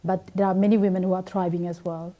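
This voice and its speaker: A woman's voice: lowish voice, little pitch movement, fast talker, dull audio. A woman from Nepal in her thirties, guest in a live TV interview, answering thoughtfully with many fillers and restarts.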